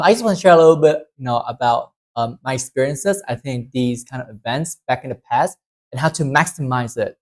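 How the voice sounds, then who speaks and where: A man's voice: medium pitch, darkish tone. Man presenting at a workshop. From southern Vietnam. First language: Vietnamese. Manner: earnest, filler-heavy, looping phrasing. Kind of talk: casual workshop talk.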